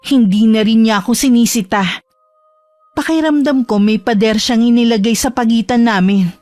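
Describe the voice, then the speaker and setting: Casting: female narrator, steady storytelling, dry close sound, faint music. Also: fairly high pitch, normal speed, no echo. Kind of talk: first-person horror story narration.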